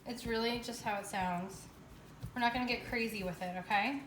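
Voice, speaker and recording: A woman hosts a home baking tutorial, walking the viewer through each step in a casual, chatty way. Her voice is on the high side and fairly bright, at a moderate pace, with faint music behind. She's in an echoey indoor home kitchen, with faint background noise.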